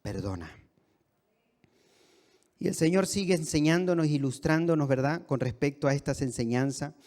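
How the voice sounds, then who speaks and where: Brief: man, co-pastor, delivering an emphatic sermon; slightly high voice, reverberant church hall. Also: animated, moderate pace. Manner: emphatic, varying between soft and raised delivery.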